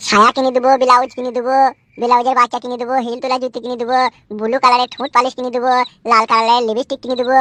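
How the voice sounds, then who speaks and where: A woman's voice: on the high side, flat delivery, racing, sharp tone. A woman voicing a pushy, lovesick village man in a comedy cartoon, wheedling and crude.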